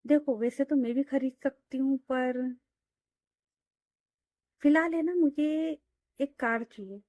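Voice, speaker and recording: Brief: a woman voicing a cheeky young woman, bratty and wheedling, pitched up and lively. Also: slow pace, no echo, studio quality.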